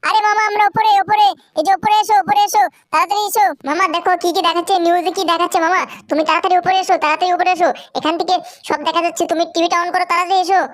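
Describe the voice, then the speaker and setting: Man voicing a bossy cartoon boy; very high, very fast, dry. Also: fairly even intonation, fairly bright tone, dry recording. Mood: hurried.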